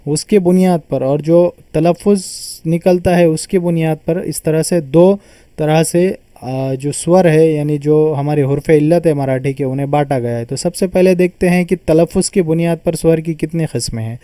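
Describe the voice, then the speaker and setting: A man's voice: a little high, fairly even intonation, moderate pace, warm tone, no echo. A man teaching a grammar lesson, patiently explaining and repeating terms as he sounds them out.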